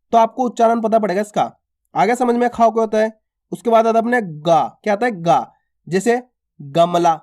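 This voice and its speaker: A man giving an alphabet reading lesson. He stretches each letter sound slowly and carefully, then repeats simple example words. He talks to his viewers as friends and keeps asking whether they have understood. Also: high-pitched, a little mellow. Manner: addresses listeners as friends and asks if they follow. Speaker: Hindi reading teacher.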